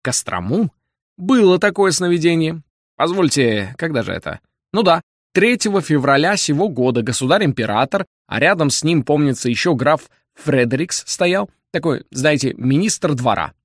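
Brief: male reader playing a slick, good-humored swindler with a bouncy, lively delivery, close and dry. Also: fairly high pitch, normal speed, no room sound, voice pushed up. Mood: playful. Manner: genial, playful, glib. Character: confident smooth-talking male con man.

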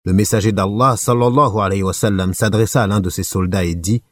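A man reading a religious biography aloud as an audiobook narrator, measured and solemn. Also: fairly low pitch, fairly even intonation, no echo.

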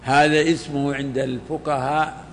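An older man, a sheikh, explaining a classical text to students in unhurried, halting commentary. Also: fairly high pitch, level tone, a bit bright. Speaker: sheikh teaching a hadith text. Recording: hall reverb, faint background noise.

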